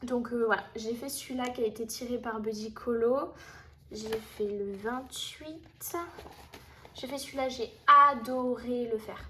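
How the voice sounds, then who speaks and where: A woman's voice: fairly high pitch, fairly even intonation, unhurried, a little hiss or hum. A woman chatting casually to camera about her finished coloring pages, with many fillers and restarts. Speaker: coloring hobby vlogger.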